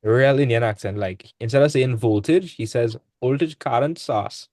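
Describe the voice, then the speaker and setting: A man's voice: medium pitch, normal speed, darkish tone, no echo. A young man, tutoring maths in a casual online class. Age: young adult. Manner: casual, laid-back teaching with dialect speech. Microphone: video call.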